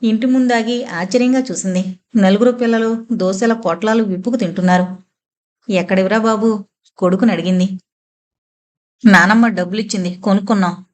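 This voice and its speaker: A woman reading a novel aloud as an audiobook narrator, giving every character's lines in her own voice. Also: a little high.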